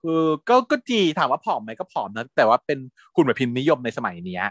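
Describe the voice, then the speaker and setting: Lively giggly man chatting a recap. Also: mid-range voice, quick pace, dry recording, studio quality. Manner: animated and giggly, mixes in English words. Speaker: co-host recapping a series; hospital worker who does shifts. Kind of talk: casual chat.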